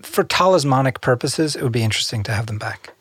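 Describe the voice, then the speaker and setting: A man's voice: medium pitch, expressive, fast, fairly bright tone, slightly rough, dry recording. A man speaking as an interview guest, wry and self-deprecating in casual conversation.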